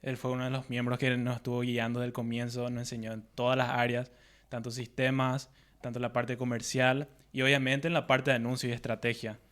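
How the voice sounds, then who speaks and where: A man co-hosts a business podcast. His pitch stays quite flat as he chats and sets up questions in an even, conversational way. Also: brisk. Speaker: podcast co-host. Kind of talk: podcast interview.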